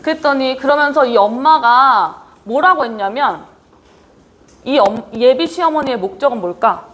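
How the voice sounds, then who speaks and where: A high-pitched female lecturer talks at normal speed, with slight background noise behind her. Her leadership training is lively and casual, and she keeps tossing questions at the audience while speaking plainly to students.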